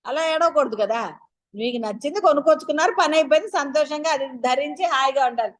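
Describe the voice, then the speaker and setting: High-voiced woman giving a spiritual talk. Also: fast. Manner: asks many rhetorical questions, chatty and coaxing; addresses listeners directly. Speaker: spiritual teacher. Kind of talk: spiritual discourse.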